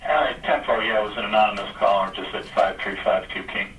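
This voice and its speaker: A male police dispatcher comes through a police radio channel, trading short codes and acknowledgments in a terse, businesslike way. His voice sits at an ordinary male pitch but sounds distant and muffled. A roomy echo hangs around the transmission. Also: fast talker, a bit bright.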